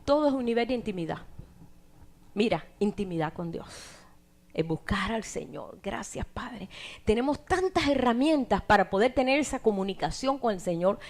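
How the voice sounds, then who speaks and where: A middle-aged woman preaching a sermon, swinging from loud emphatic lines to hushed, near-whispered asides. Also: on the high side, expressive, normal speed.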